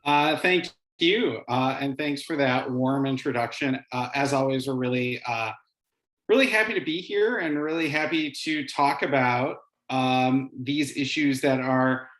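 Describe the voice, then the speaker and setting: A middle-aged man giving an informal webinar presentation as an instructional coach, with hesitant phrasing and frequent pauses. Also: mid-range voice, fairly bright tone. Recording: roomy, echoing sound.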